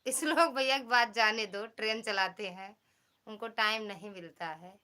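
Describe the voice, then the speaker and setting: A woman from Uttar Pradesh, India, with an Awadhi-flavoured Hindi accent, hosts a casual live stream from home on a phone mic, teasing viewers and reading out and thanking commenters by name. Her mid-range voice is bright and forceful at a moderate pace, and her manner is chatty.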